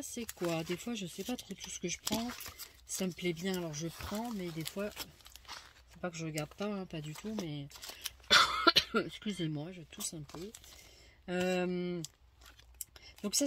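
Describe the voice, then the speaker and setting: A woman's voice: fairly low pitch, a little slow, noisy background. A woman giving casual unboxing commentary on her craft purchases, chatty and hesitant, thinking aloud with many fillers. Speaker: craft vlogger showing a haul. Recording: loud crinkling of packaging and clicks.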